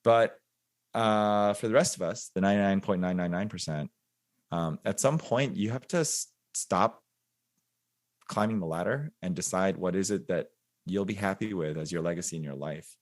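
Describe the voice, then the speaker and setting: Man, 40s, low-pitched voice, podcast guest, reflective casual talk, lots of fillers, self-deprecating laughs. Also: normal speed. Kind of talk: casual interview conversation.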